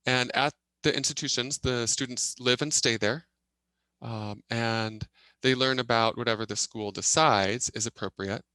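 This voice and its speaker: A man voicing a deaf presenter's signed talk as a live interpreter, in a halting way with fillers and restarts as he keeps up with the signing. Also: medium pitch, steady tone, bright, forceful tone, smooth, dry recording, poor audio. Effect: live interpreter voice, speaking a signer's words as they come.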